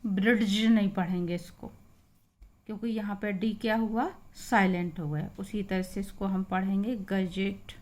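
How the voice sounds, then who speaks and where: A woman teaching English pronunciation, patiently spelling out example words and repeating each one slowly. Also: mid-range voice, fairly even intonation, a little mellow. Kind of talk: slow spoken pronunciation lesson.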